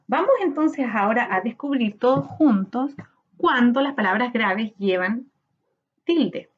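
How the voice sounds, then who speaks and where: A woman teacher with a Chilean Spanish accent, giving a recorded lesson and sounding out syllables slowly. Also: fairly high pitch, lo-fi sound. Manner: slow, sounds out syllables in a drawn-out voice.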